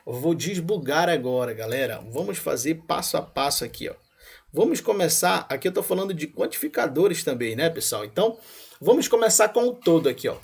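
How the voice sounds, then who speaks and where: Gravelly-voiced Brazilian math teacher. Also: male voice, fairly high pitch. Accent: Paraense Brazilian Portuguese. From Pará, Brazil. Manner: energetic, addresses viewers as galera, frequent tag questions like tá? and ó. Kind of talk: exam-prep lesson walkthrough.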